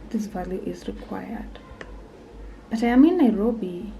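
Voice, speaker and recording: A woman's voice: mid-range voice, measured pace, vocal fry, warm tone, slight background noise, poor audio. A young woman vlogging casually, thinking aloud, nervous and often dropping to a whisper. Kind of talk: casual vlog narration.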